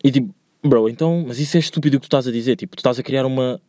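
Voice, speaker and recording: Fast-talking young European Portuguese man. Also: mid-range voice, warm tone, no room sound, clean studio sound. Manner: slangy, rambling, rants with rising heat. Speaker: podcast host. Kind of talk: solo podcast monologue. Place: indoors, recorded alone at home.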